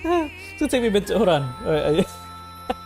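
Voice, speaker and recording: A man's voice: high-pitched, lively intonation, fast, gravelly, darkish tone. A young man streaming a video game, rambling in casual commentary, laughing often and swearing casually. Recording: game music playing behind.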